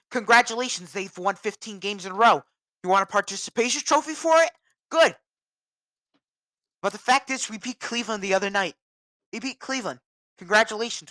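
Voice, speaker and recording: A woman's voice: lowish voice, sharp tone, no room sound, clean studio sound. A woman from New England ranting about her team in an agitated, repetitive way. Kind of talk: ranting sports vlog.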